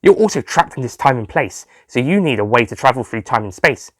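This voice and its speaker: A man's voice: mid-range voice, very animated, a little fast, no room sound, clean studio sound. Man playing the Master, a smug scheming villain. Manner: gloating, theatrical. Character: scheming, smug male alien villain with volatile temper.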